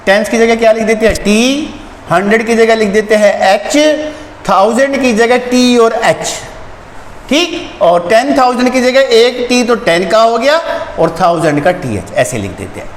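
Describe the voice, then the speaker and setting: A man's voice: very high voice, animated, moderate pace. A man teaches a math lesson to young children, patiently repeating terms and answering his own questions. The recording is echoey, with a long reverb tail and a faint hum of noise behind him. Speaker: school teacher.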